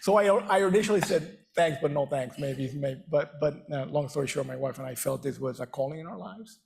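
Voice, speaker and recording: Gravelly middle-aged man, earnest stage talk. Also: a little high, a little mellow. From Venezuela. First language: Spanish. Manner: earnest, halting with repeated restarts. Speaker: guest speaker. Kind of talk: on-stage conversation.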